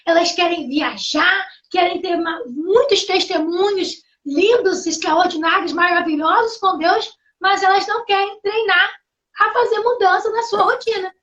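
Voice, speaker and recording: A woman hosting a faith livestream, sharing a personal testimony in an earnest, halting way with many restarts. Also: very high-pitched, a bit bright. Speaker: host. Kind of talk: live testimony. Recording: muffled lo-fi livestream audio.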